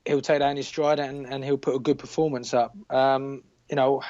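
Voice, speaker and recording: A man's voice: medium pitch, little pitch movement, moderate pace, darkish tone, no room sound, dull audio. A British man, a referee guest, speaking hesitantly over a call. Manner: hesitant, repeats words. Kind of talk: casual chat over a call.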